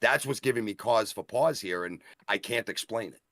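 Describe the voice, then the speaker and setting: A man's voice: fairly low pitch, normal speed, a bit bright, no echo, studio quality. A man co-hosting a wrestling review show, giving long, rambling analysis with frequent restarts. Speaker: wrestling show co-host and referee. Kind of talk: casual wrestling review chat.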